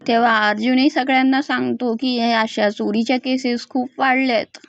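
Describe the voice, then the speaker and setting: A woman narrating a recap of a TV serial episode in plain, steady storytelling. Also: fairly high pitch, normal speed, gravelly, dry recording, lo-fi sound. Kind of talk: retelling a TV episode.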